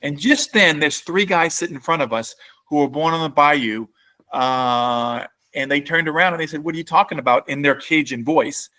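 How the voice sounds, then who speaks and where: Relaxed middle-aged man. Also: on the high side, moderate pace. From New Orleans, Louisiana. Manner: relaxed storyteller, many fillers and restarts. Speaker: company CEO and guest. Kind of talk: casual podcast interview.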